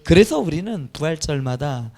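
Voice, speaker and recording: Preaching on Easter, a male pastor with a high, gravelly voice moves at a moderate pace. His delivery is energetic and earnest, with big swings in pitch that build to emphatic peaks.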